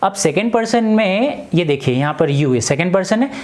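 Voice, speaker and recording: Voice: medium pitch, lively intonation, normal speed. Hindi-speaking teacher drilling English grammar. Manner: asks the class questions and answers them; drills by repetition.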